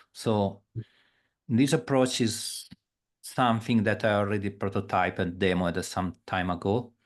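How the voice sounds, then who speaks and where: A man on a video call, a project maintainer discussing a technical proposal with hesitant, self-correcting phrasing. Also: low voice. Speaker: project maintainer in an online meeting.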